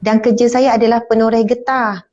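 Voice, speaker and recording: A woman's voice: fairly high pitch, level tone, fairly quick, a little mellow, lightly acted. Woman quoting a poor young village mother, humble, earnest, grateful, muffled lo-fi sound.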